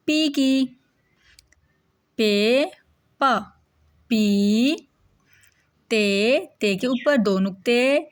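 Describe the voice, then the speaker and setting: A woman with an Urdu-speaking Pakistani accent gives a children's alphabet lesson in a slightly high voice. She speaks slowly and patiently, saying each sound twice. She poses a question and then answers it herself. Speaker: teacher.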